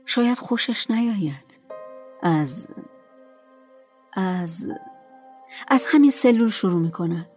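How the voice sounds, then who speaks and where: A woman narrating a dramatized story in a calm, measured way. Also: mid-range voice, faint music behind.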